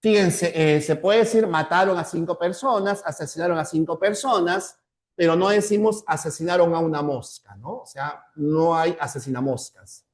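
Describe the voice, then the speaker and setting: A man with a Peruvian Spanish accent teaching a class, often repeating key terms and checking in with "¿ya?". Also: a little high. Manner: slows down to spell out examples. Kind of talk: classroom lecture.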